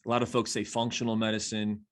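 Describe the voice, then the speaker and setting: A man's voice: lowish voice, completely flat delivery, quick pace, clean tone. A man in his fifties with a New Jersey accent, a physician guest talking eagerly in a casual interview and fond of rhyming catchphrases.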